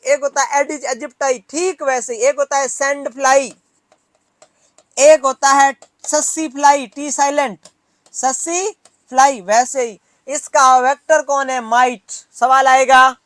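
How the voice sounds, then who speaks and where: A man's voice: very high-pitched, fairly bright tone, no echo. A man from Rajasthan teaching a nursing exam class in mixed with English terms, drilling students with repeated questions and teasing them. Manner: mixes Hindi with English terms. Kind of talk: classroom lecture.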